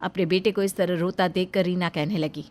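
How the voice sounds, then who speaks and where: A woman giving scripted storybook narration for a cartoon, plain and even, speaking to viewers. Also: on the low side, fairly quick.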